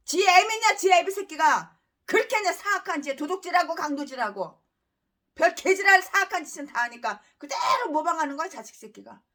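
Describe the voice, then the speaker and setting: High-voiced woman pastor preaching angrily. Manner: angry ranting with bursts of shouting; slow emphatic scripture reading. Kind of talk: expository sermon.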